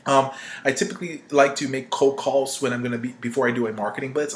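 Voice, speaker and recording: A man with a mid-range voice delivers an informal, conversational marketing-training talk, acting out sample calls and emphatically checking in with "right?" A little hiss or hum sits under the recording.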